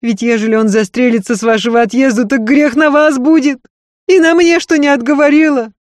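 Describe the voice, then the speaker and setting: A woman's voice: high voice, steady tone, brisk, dry recording, pitched above the performer's own voice, natural voice. A woman voicing a devoted, blunt serving woman who talks in earthy, folksy, emphatic phrases in an audiobook. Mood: pleading.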